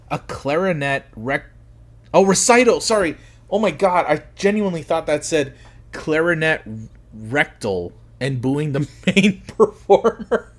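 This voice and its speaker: A man streaming casually, reacting to videos with crude, jokey chat and frequent laughter. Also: fairly high pitch. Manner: laid-back, crude, jokey, laughs often.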